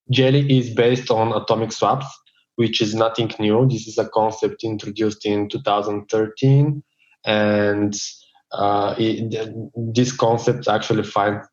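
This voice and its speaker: Flat-voiced man, muffled audio. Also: on the low side. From Bulgaria. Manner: measured, flat delivery with some stumbles. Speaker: tech lead guest. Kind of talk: interview answers.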